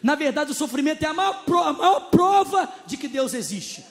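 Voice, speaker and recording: A male pastor with a Brazilian accent preaching a sermon, emphatic and joking, rising to shouts at high points. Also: big pitch swings, normal speed. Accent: Brazilian Portuguese. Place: church hall. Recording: long reverb in a large hall.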